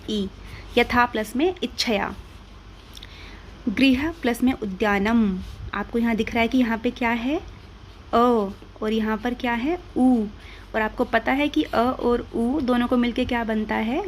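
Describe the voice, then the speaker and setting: A woman's voice: a little high, slight background noise. An Indian woman teaching grammar, patiently asking and answering her own questions step by step. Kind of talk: classroom-style explanation.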